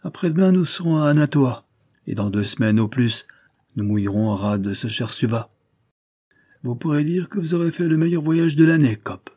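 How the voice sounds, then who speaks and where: A man voicing a gruff, mocking middle-aged ship skipper in a storybook reading, his voice raised higher and louder than his narration. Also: animated, moderate pace, no room sound, studio quality. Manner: gruff, teasing, then urgent.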